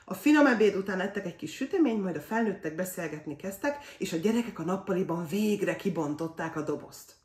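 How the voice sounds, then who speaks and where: A woman reading a children's fairy tale aloud in an expressive, animated way. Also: on the low side, few pauses, recorded from a distance. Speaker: storyteller. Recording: roomy echo.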